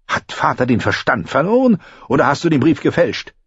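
A man's voice: mid-range voice, big pitch swings, brisk, slightly rough, no echo, highs cut off, pitched above the performer's own voice. A man reading an audiobook, voicing a proud, angry queen regent in a cold, scornful tone.

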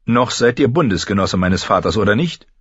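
A man's voice: on the low side, lively intonation, husky, no room sound, lo-fi sound. A man voicing a composed, courteous noble lady, in an audiobook reading. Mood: polite. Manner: measured, polite.

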